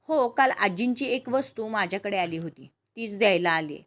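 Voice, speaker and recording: A woman's voice: mid-range voice, animated, moderate pace, fairly bright tone, natural voice. A woman voicing a young woman who talks politely and earnestly.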